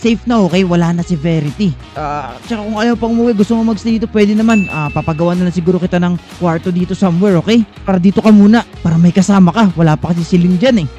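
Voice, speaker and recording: A man from the Philippines narrating a Minecraft role-play, jumpy and loud, constantly calling out to his viewers. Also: sits high, fast, few pauses, faint music behind. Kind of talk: excited gameplay commentary and role-play.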